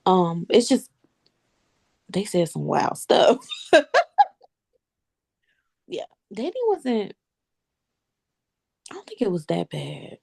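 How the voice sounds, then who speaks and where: A woman's voice: mid-range voice, wildly swooping pitch, slow, vocal fry, pauses often, darkish tone, husky. A woman in her thirties, a guest on a video-call interview, chatting casually, laughing often and calling the listener honey.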